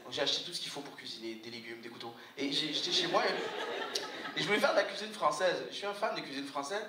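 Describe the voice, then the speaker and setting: A man from Algeria performing a stand-up comedy set at a live gala, playful and slipping into quick parody voices. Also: on the high side. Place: live gala hall with audience. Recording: roomy hall, distant mic, loud noise. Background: audience laughter and ambience.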